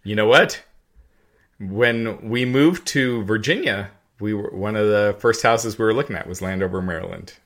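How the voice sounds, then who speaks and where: A man in his forties from Kentucky co-hosting a casual wrestling chat, excitable and laughing. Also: on the low side, moderate pace. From Henderson, Kentucky. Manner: excitable, hums tunes, laughs. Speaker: podcast co-host.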